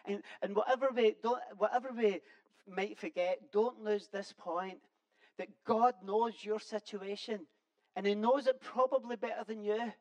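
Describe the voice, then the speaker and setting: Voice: medium pitch, steady tone, muffled recording. A preacher giving a sermon in an earnest, conversational way, often stumbling and restarting phrases. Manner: halting, with frequent repeated restarts.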